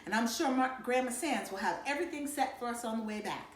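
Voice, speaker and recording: Woman reading as a calm, organized mother. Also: a little high, quick pace, a little hiss or hum, lightly acted. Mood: planning. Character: organized, calm mother planning a family trip. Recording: roomy echo.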